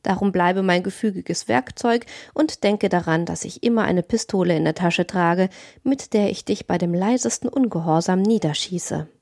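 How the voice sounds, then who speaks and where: A woman voicing a cynical, menacing male criminal in a calm, domineering audiobook reading. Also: lowish voice, normal speed, dry recording, clean studio sound. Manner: cold, domineering.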